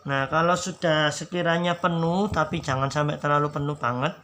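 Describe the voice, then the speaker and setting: A man's voice: on the high side, steady tone, normal speed, pushed and bright. A man teaching children to draw step by step, patiently repeating each instruction and counting strokes aloud. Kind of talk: slow step-by-step drawing tutorial for children. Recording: background noise.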